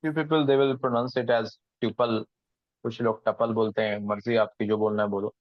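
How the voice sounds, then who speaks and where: A man's voice: lowish voice, flat delivery, rapid-fire, no echo. A man leads a live online programming lesson, explaining step by step and often checking whether the class has followed. He drifts between English and Hindi. The sound is dry and a little muffled, like a call recording. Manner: mixes English and Hindi, asks the class questions. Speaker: programming instructor.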